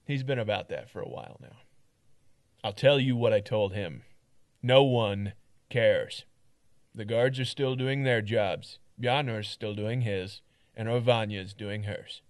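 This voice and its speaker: A man voicing a gruff, dismissive middle-aged miner in a game, talking bluntly and loudly. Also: fairly low pitch, unhurried, natural voice. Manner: blunt, loud and scornful.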